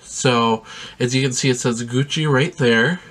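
Unboxing a gift on camera in a cramped bedroom, a sinus-congested man in his twenties rambles happily, dropping plenty of ums into his casual vlog. He speaks in a steady, fairly bright mid-range voice at an unhurried pace.

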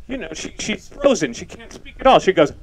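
A man's voice: sits high, sing-song, brisk. A man acting in a stage play as a talkative, ironic suitor who rambles and interrupts himself. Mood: wry. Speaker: stage actor.

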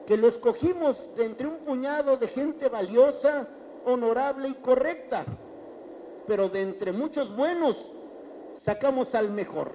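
High-voiced Mexican man giving a rally speech. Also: lo-fi sound, slight background noise. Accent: Mexican Spanish. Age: middle-aged. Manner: emphatic, rhetorical, repeats phrases. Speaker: politician. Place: large open-sided banquet hall. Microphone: handheld mic.

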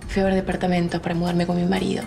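A woman's voice: fairly low pitch, completely flat delivery, very fast, creaky, dark tone, soft background music. An actress playing a distraught pregnant woman in a telenovela, with a Rioplatense accent, speaking in a bitter and accusing way. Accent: Rioplatense Spanish. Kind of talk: telenovela acting.

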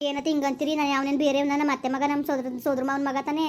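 A woman's voice: high voice, flat delivery, racing, darkish tone, natural voice. A woman playing a fretful young village woman with a rural Kannada accent who sighs and tuts. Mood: anxious. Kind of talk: village skit acting.

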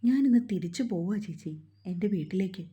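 A woman voicing a quiet, troubled young woman who gives short, evasive answers. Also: fairly low pitch, animated, fairly quick, lightly acted. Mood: resigned.

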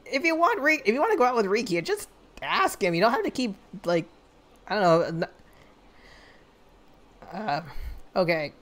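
A woman's voice: mid-range voice, big pitch swings, moderate pace, long pauses, a bit bright. A woman streamer giving giggly, rambling game commentary. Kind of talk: game commentary while voicing characters.

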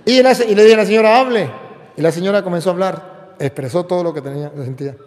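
Priest guy preaching hard, repeats himself for punch, pretty high voice. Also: rapid-fire, darkish tone. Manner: emphatic preaching with repeated phrases. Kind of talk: fiery sermon. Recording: echoey hall with long reverb.

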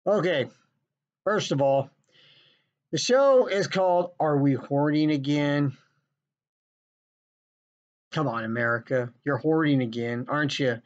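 A man's voice: fairly high pitch, a little slow, pauses often. A man ranting in a sarcastic, scolding, profane vlog monologue from his basement. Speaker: vlogger. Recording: dull lo-fi recording.

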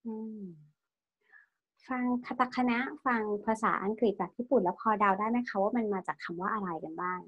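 Husky-voiced woman teaching a language class. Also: medium pitch, normal speed, a bit bright, highs cut off. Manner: patient, asks the students questions and drills pronunciation; tag-questions every phrase with polite particles. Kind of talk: online language lesson.

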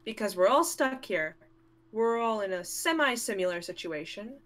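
A woman playing a guilt-ridden young woman who talks in an earnest, pleading, slightly halting way. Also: mid-range voice, expressive, a bit bright, close to an everyday voice.

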